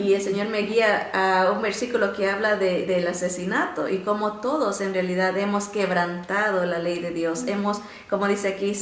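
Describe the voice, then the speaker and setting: A woman teaching a Bible lesson through stories, animated and often pausing on "este" and restarts. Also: reverberant, slight background noise. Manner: animated storytelling, often rising in pitch to act out quotes; frequent filler "este" and restarts.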